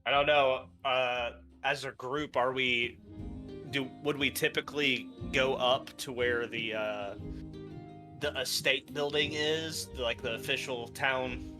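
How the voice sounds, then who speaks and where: A man's voice: mid-range voice, fairly even intonation, slow, music in the background. A man playing in an online tabletop game, asking questions hesitantly with many fillers. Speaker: player. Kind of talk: casual chat at a game table.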